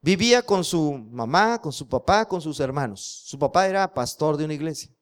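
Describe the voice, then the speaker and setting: A man's voice: a little high, animated, moderate pace. A man preaching a sermon, telling stories and asking the congregation rhetorical questions.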